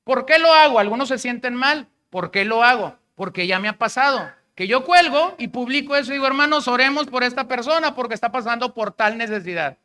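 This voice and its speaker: A man's voice: very high-pitched, animated, a little fast, hardly any pauses, sharp tone. A man with a Mexican Spanish accent preaching a sermon as pastor, in a conversational way, acting out the words of the people he quotes.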